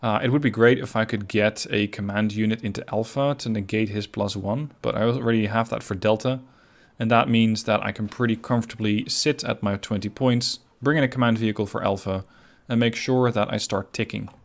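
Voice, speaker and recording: A man commentating his own strategy game replay, relaxed and analytical, pointing out his own mistakes as he goes. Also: on the low side, brisk. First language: not Finnish. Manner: relaxed, analytical, self-critical. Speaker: gameplay commentator.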